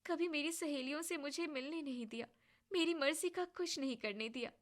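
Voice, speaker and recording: A shy, gentle young wife in a storybook drama, voiced by a woman. She speaks softly and hesitantly. Her tone stays bright and slightly high. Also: lively intonation, moderate pace. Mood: tender. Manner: soft, quiet and hesitant.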